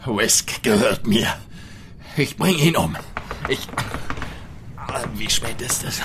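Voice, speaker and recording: A man's voice: medium pitch, expressive, slow, long reverb tail, noisy background. An actor playing a wounded, stubborn man who is desperate and protective of his friend, in a dramatic audio play, with strained, weakened breath. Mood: bitter, determined.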